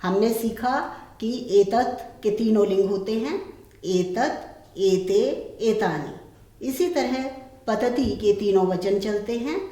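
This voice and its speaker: Slow, clear Sanskrit teacher woman. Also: medium pitch, dark tone. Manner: reads words aloud, then translates and explains. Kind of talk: slow explanatory lesson. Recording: echoey room.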